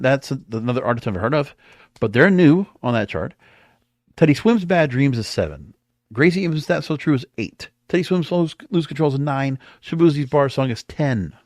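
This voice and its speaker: In clean studio sound without any room echo, a fairly high-pitched man hosts a podcast. He chats casually about the music charts, musing out loud as he reads off the figures.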